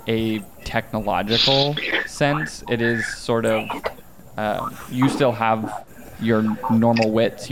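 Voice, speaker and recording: Slow, halting game master man. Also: medium pitch, background noise. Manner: slow, hesitant, many fillers. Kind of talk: narrating a tabletop game.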